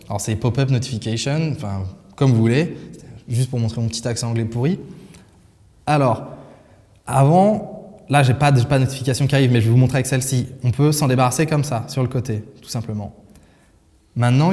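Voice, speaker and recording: A man talks viewers through a phone demo in a relaxed, chatty way, with frequent fillers and restarts. His voice is dark and mellow. A long reverb trails his words. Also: mid-range voice. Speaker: tech video host. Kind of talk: casual product demo.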